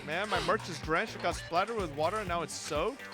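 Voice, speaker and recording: Man reading a game aloud over music. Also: fairly quick. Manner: wry, swears freely, reads narration in a low hush. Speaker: streamer playing a visual novel. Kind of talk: reading game text aloud between casual remarks.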